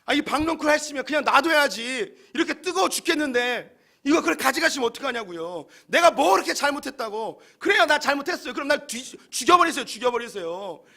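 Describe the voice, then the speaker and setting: A man's voice: very high voice, animated, brisk, vocal fry, sharp tone, voice pushed up, full character voice. A male pastor acting out an indignant man who complains and protests in a self-pitying voice, within a sermon. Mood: indignant whining. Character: whining, defiant adult man, Jonah.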